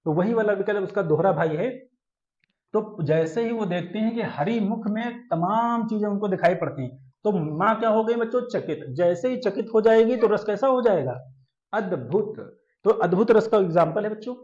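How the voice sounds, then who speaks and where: A man's voice: high voice, lively intonation, a little mellow. A male teacher leading an exam-prep lesson, quizzing his students and calling them children. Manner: addresses students as "children", quizzes them, chants verse slowly. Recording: echoey room, dull lo-fi sound.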